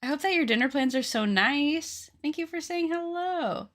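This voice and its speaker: As she crafts, a woman in her late twenties keeps up casual, chatty banter with her live-stream viewers, cracking jokes and making fun of herself. Her voice is high-pitched, expressive and a bit bright, at a moderate pace.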